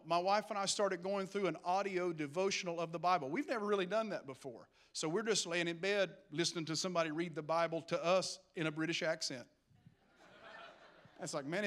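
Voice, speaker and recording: A man preaching a lively, humorous sermon that builds to emphatic calls to action. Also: high voice. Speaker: pastor.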